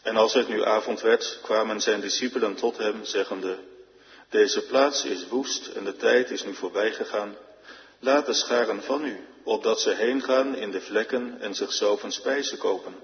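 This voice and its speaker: A man giving a solemn, measured reading of scripture in church. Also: lowish voice. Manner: measured, formal. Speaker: scripture reader. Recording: reverberant, dull lo-fi church recording.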